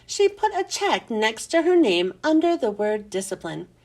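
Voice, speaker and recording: A woman reading a children's chapter book aloud with expressive, animated storytelling. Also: fairly high pitch, moderate pace.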